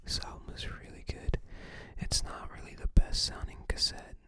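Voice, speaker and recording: With unhurried, halting speech, an ASMR video maker whispers in a soft, breath-heavy voice while doing show-and-tell.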